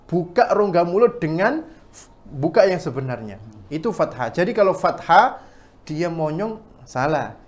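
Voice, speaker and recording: Man with a higher voice teaching recitation to a class; draws out sounds, then corrects. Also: big pitch swings. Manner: demonstrates sounds slowly, then corrects firmly.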